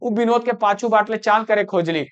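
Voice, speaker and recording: A man's voice: sits high, brisk, fairly bright tone, clear, resonant tone, highs cut off. A man teaching a folk story to students. He explains it line by line and keeps checking that they follow.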